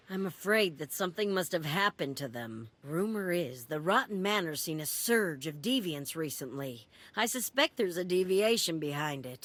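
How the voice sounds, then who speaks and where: An actress voicing a folksy, earnest female wandering merchant in a video game. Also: low voice.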